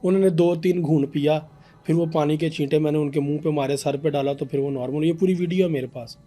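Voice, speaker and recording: A young man, a podcast guest telling an animated story about a paranormal case. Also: fairly high pitch, quick pace, faint music behind. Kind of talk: casual storytelling in a podcast interview.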